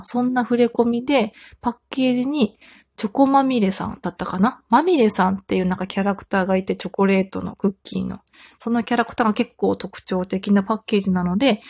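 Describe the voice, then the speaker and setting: A woman in her thirties hosting a solo talk show, chatting in a calm, relaxed way and telling everyday stories. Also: medium pitch, slightly rough, no room sound, studio quality. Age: 30s. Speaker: podcast host.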